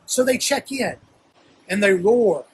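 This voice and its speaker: A man's voice: sits high, expressive, takes it slowly, husky, rough recording. A man with a Southern accent giving an earnest, reflective sermon as a guest minister, speaking to a camera. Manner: earnest, reflective, building to emphatic calls.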